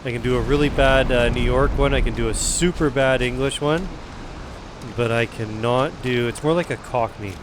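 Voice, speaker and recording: A chatty man talks his way through a game stream, casual and self-deprecating. His voice sits at an ordinary middle pitch, with a faint hiss of noise behind it. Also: normal speed. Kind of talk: casual gaming chat.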